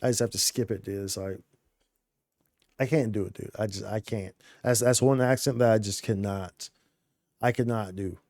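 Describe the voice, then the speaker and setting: A man's voice: on the low side, steady tone, moderate pace, darkish tone, no echo, clean studio sound. A male streamer chatting casually over gameplay in a rambling, slangy way, full of "dude" and "like".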